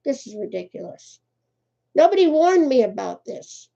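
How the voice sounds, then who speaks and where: A woman's voice: sits high, sing-song, moderate pace, creaky, dark tone. An older woman, hosting a casual crochet livestream, chatty and laughing often as she greets viewers by name. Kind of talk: casual live chat. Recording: muffled lo-fi livestream audio.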